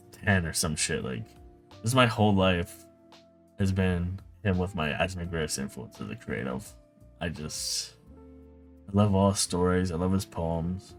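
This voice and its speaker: A man giving a casual, profane monologue about his favorite books, full of fillers and restarts. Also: low voice. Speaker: book reviewer.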